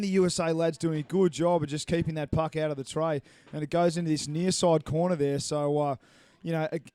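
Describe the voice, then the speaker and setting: A man's voice: on the high side, darkish tone, clean tone, dry recording. A man doing live play-by-play commentary, chatty and reading out viewer messages. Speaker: sports commentator.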